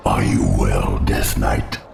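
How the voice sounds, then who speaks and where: A man voicing an ancient undead crypt lord in a fantasy game, loyal and grave, with formal, measured speech and a gravelly, cavernous tone. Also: a bass voice, steady tone, full character voice. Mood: grave counsel. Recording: echoing voice with noise behind.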